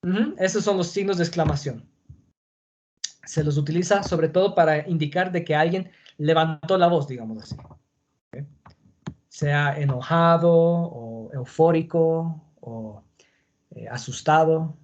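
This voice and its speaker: A man's voice: on the high side, measured pace, darkish tone, muffled recording, slight background noise. A man teaching a class on punctuation, explaining patiently and checking in with his students. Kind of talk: online class on Spanish punctuation.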